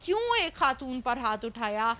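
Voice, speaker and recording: High-pitched probing woman reporter. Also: very animated, a bit bright. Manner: probing, pointed questions. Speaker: news reporter. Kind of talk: news interview.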